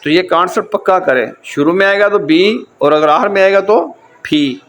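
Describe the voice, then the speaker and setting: A man's voice: sits high, fairly bright tone. A man with a Pakistani accent teaching a German lesson in a casual, repetitive style, going back over each point again and again. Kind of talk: casual lecture.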